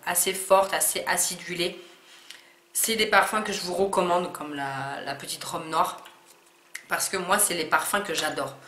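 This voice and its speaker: In an echoey room with faint noise, a female beauty vlogger talks through a relaxed unboxing video. Her voice leans low with a fairly bright tone, and she hesitates a lot, restarting sentences and filling gaps.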